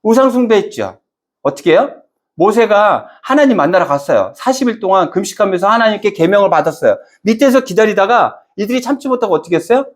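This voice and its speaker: A male pastor preaching a Sunday sermon, asking the congregation questions and answering them himself, and acting out quoted speech. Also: high voice. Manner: acts out quoted speech in dramatic voices.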